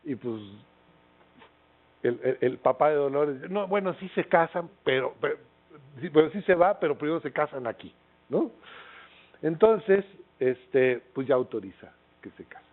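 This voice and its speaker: A man's voice: a little high, expressive, measured pace, pauses often. A middle-aged Mexican man with a Mexican accent giving a lecture as a casual storyteller, with lots of fillers and tag questions. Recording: tinny phone-like lecture recording.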